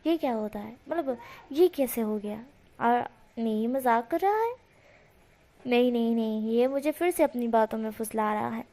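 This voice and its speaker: A woman voicing a wary young man who asks soft, guarded questions, in a storybook reading. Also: a little high, expressive, moderate pace.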